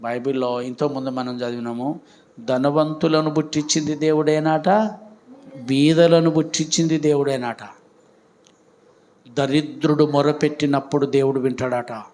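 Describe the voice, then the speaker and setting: A man's voice: a little high, little pitch movement, normal speed, pauses often, a little mellow. A man, preaching a Sunday sermon as pastor, with emphatic outbursts and questions put to the congregation. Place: church.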